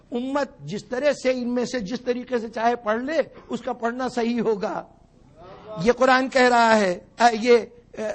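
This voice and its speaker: A man with a strikingly high voice delivers a religious lecture to a gathering. He explains step by step and drives his points home with sharp rhetorical questions. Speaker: religious orator at a mourning gathering. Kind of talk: sermon-style lecture.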